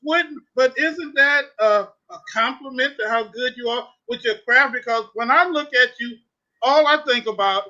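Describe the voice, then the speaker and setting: Male host, bright tense voice; winding questions; dull lo-fi recording. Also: very high voice, moderate pace. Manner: long, winding questions with laughs. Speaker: talk show host. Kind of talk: interview questions. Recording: dull lo-fi sound.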